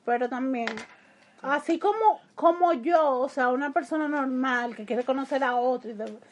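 A woman, co-hosting a casual chat and telling stories with laughs and trailing pauses. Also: high voice. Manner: chatty, laughing, trails off when unsure. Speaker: podcast co-host.

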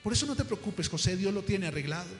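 A preacher voicing a calm, reassuring messenger who has come to take a man away. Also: high voice, fast talker. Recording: echoey hall with faint music.

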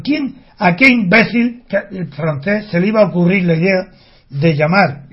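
Indignant high-voiced man, lo-fi recording. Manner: indignant, rhetorical questions, many restarts. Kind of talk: impassioned monologue. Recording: dull lo-fi recording.

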